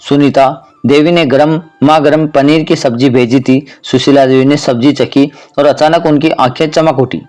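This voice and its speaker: A man telling a household story in narration, reading every character's lines in the same even voice. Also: mid-range voice, normal speed, few pauses.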